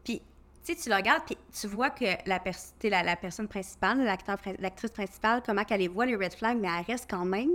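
A woman's voice: mid-range voice, quick pace, a bit bright. A young woman co-hosts a podcast with a Québécois French accent. She talks in a loose, rambling way, leaning on fillers as she circles her point. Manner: chatty, rambling with frequent fillers. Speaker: podcast co-host. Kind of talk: casual chat.

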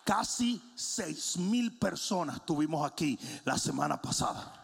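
A middle-aged man preaching a sermon in a large church, telling funny stories and then shouting as he builds. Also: on the high side, very animated, unhurried, vocal fry, a faint crowd, a little hiss or hum. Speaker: pastor. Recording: long hall reverb.

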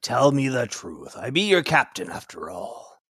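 Slow gravelly man in pirate talk. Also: mid-range voice, very animated, pushed and bright. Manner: pirate-style speech, slow. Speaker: player as ship captain.

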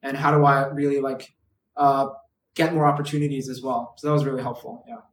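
A Hong Kong man in his twenties chats casually as a podcast guest, dropping "like" and "right" constantly. His medium-pitched voice is flat and fairly quick. He sits far from the mic in a room with a roomy echo and slight background noise.

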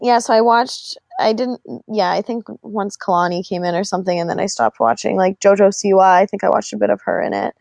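A woman's voice: mid-range voice, fairly even intonation, a little fast, creaky, few pauses, darkish tone, dry recording. A woman in her twenties, co-hosting a casual chat and telling stories with frequent laughter. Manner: giggly storyteller, laughs often. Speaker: podcast co-host.

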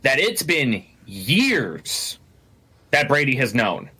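A man co-hosting a casual sports podcast, talking in an animated, rambling way with lots of restarts and the odd curse. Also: mid-range voice, takes it slowly, slightly rough. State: has the hiccups. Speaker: podcast co-host.

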